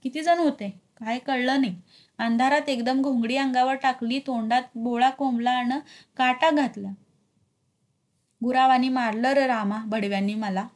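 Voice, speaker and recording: A woman reading aloud the halting lines of a beaten, weary village man from a novel. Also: high voice, steady tone, close to an everyday voice. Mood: weak.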